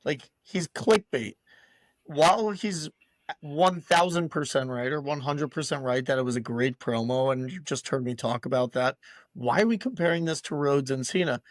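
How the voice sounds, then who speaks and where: A man's voice: medium pitch, moderate pace, dry recording. A man co-hosting a casual wrestling podcast, opinionated and emphatic in his takes. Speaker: podcast co-host. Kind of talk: casual chat.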